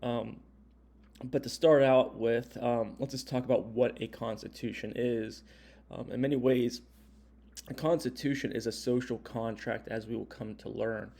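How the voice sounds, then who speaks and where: A man's voice: medium pitch, steady tone, moderate pace, creaky, dark tone. American man teaching an informal recorded lecture. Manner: explanatory, punctuates points with check-in tags like "right?" and "okay?". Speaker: history and government teacher.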